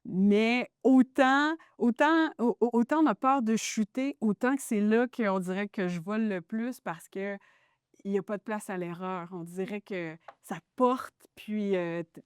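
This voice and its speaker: A radio journalist and host appears as a guest in a casual interview conversation in a radio studio, her medium-pitched voice a little slow, clean, dry, and free of echo. She sounds reflective and enthusiastic, with many hesitations.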